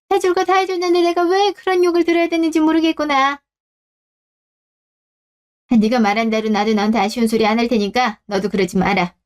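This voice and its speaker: A woman's voice: fairly high pitch, natural voice. A woman voicing a firm older mother who scolds her grown son in a radio drama. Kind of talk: Korean radio drama acting.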